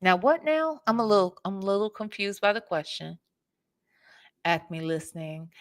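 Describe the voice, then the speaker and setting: With a medium pitch and moderate pace, this American host runs a laid-back live reaction show, chatting with viewers as she comments. She's sassy, blunt and foul-mouthed, leaning on pointed rhetorical questions.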